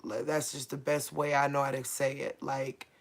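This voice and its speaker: A woman hosting a faith livestream, speaking a casual prophetic message to viewers in a halting way, searching for her words and repeating herself. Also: a bass voice, flat delivery.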